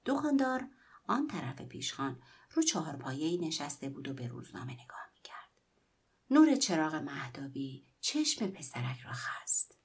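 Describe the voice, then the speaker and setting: A woman reading a literary story aloud in a hushed, whispery narrating voice. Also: low-pitched, sing-song, breathy edge. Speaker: story reader.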